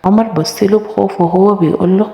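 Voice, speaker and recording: A woman's voice: mid-range voice, steady tone, fast, mellow. A woman with an Egyptian Arabic accent narrating a first-person story, reading every character in her own voice. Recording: echoey room with long reverb.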